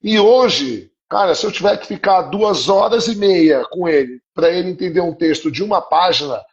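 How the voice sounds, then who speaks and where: A man's voice: high-pitched, lively intonation, normal speed. A man, a psychoanalyst guest, telling a personal story in an earnest, confessional way. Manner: earnest, confessional, often asks "entende?". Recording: muffled live-stream audio.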